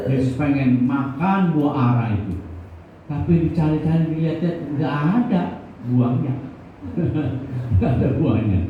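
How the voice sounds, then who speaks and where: Joking preacher in an echoey church. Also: male voice, mid-range voice, warm tone. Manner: jokey, conversational, asks the congregation questions. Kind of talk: sermon. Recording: distant, echoey, phone-like, faint noise.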